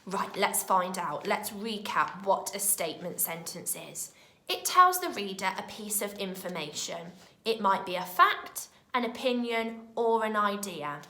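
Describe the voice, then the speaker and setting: Slow, expressive British woman teacher. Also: medium pitch, roomy sound. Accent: British English. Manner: slow, clear and expressive, speaking to small children. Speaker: primary school teacher. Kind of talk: recorded remote lesson for young children.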